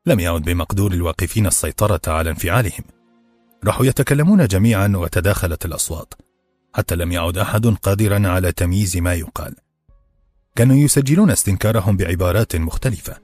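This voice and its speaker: A male narrator reads a novel in a steady, measured manner, his voice deep and a little husky. The recording is close and dry, with soft music underneath. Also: dry recording. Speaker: audiobook narrator.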